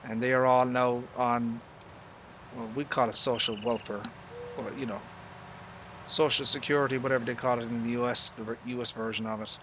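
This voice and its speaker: A man's voice: medium pitch, fairly even intonation, moderate pace, noisy background. A middle-aged Irish man chatting casually with viewers while he plays, rambling with lots of fillers and mild swearing. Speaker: live game streamer. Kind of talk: casual live-stream chat while gaming.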